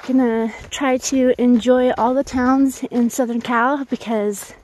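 Young woman, high bright voice, unhurried, casual trail vlog with light outdoor noise. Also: fairly even intonation, poor audio. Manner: chatty, laughs often, hushed on quiet peaks. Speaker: thru-hiker vlogger.

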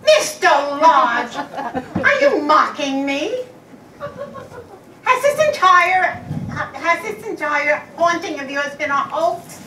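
A woman's voice: high voice, very animated, slow pace, exaggerated voice. An older woman acting a theatrical psychic medium in an amateur stage play, dramatic with gasps and exclamations. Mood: mystical. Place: community hall stage with live audience. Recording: echoey hall from far off, noisy.

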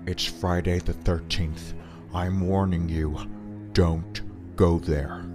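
An amateur actor voicing a blunt young character who gives dry, grim warnings in an animated parody. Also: low-pitched, takes it slowly. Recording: clear music behind the voice.

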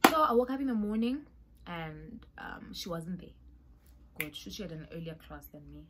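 A woman's voice: lowish voice, expressive, normal speed, noisy background. A young woman with a South African accent telling a dramatic storytime vlog, with whispered asides. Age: young adult. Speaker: vlogger.

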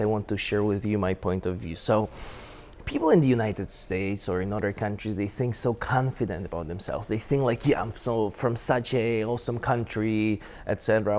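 A man with a lowish voice and as a talks to camera in a casual business vlog. He is eager and enthusiastic, repeating and restarting his phrases as he goes. Faint room noise sits under his voice. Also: a little mellow. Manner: enthusiastic, repetitive restarts, non-native phrasing. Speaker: business vlogger. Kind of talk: casual to-camera advice talk.

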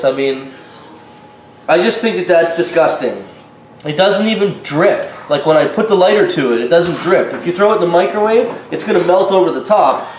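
Stuffed up with a cold, a high-voiced man in his thirties vlogs from his home kitchen, addressing the camera with indignation and a note of warning. It's casual talk, recorded on a camera mic a short distance away amid echo and faint noise.

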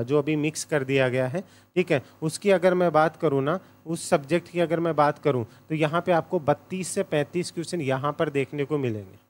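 A man giving a casual exam coaching lecture, direct and repetitive, often checking "okay?". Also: on the high side. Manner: direct, repeats points, says "thik hai" often.

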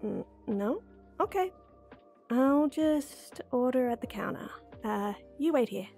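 A young woman performs an intimate, one-sided ASMR-style roleplay as a playful, flustered friend hiding a crush, teasing, giggly and hesitant in a cheerful mood. Her voice sits high and is warm and expressive, taken slowly and fully in character, with faint music behind.

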